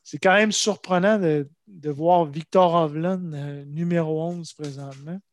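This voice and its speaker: Québécois man, higher-pitched, close dry sound. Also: unhurried, no room sound. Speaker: golf podcast co-host. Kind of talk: casual sports chat.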